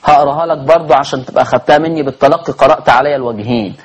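A man with an Egyptian accent teaching a tajweed lesson on Quran recitation. He asks his listeners rhetorical questions and chants the verses slowly. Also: fairly high pitch, slightly rough. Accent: Egyptian Arabic.

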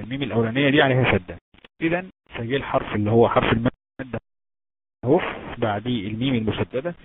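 A medium-pitched man with an Egyptian accent teaches the rules of Quran recitation in an online lesson. He explains step by step, quizzes his students, and gives drawn-out chanted examples. The audio is a tinny, noisy, phone-like line.

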